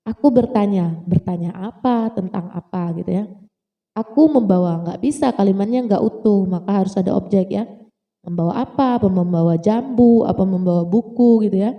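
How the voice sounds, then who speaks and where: An English teacher with a mid-range voice explains grammar at a normal speed in a casual, patient lesson. She repeats points and checks that her listeners follow. The audio has a long reverb tail and cut-off highs.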